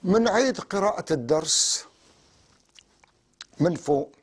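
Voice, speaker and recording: Male teacher, raised pitch, patient and deliberate delivery. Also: expressive, breathy edge. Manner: slow, deliberate spelling-out of sounds. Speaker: language teacher. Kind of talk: classroom lesson.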